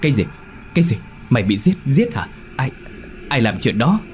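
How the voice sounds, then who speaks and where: A man's voice: lowish voice, brisk, soft background music, lightly acted. A man voicing a frightened seventeen-year-old village girl who asks stammering, agitated questions.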